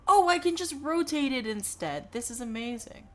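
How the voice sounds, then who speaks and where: A woman's voice: sits high, expressive, normal speed. A young woman streaming from her dorm room, talking in a loose, rambling way. She fills her sentences with likes and uhs and swears offhandedly while she plays a game. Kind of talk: casual live-stream chat while gaming.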